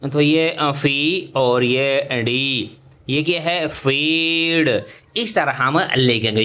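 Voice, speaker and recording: A middle-aged man gives a shorthand lesson at a deliberate, unhurried pace, his voice sitting somewhat high for a man. He draws out each example word and fills pauses with short hesitations while he writes. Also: fairly bright tone. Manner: drawn-out example words, thinking aloud with fillers. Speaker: shorthand teacher. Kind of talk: slow whiteboard-style lesson.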